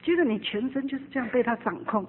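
Husky high woman preaching over a tinny line. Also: fast. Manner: animated and emphatic, often drops into quiet asides. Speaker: preacher giving testimony. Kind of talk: sermon testimony. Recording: narrow phone-like sound.

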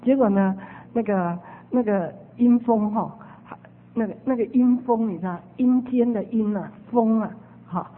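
A woman preacher telling a testimony as a storytelling sermon, animated and repeating her phrases. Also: on the high side, measured pace. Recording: phone-like radio broadcast with long reverb.

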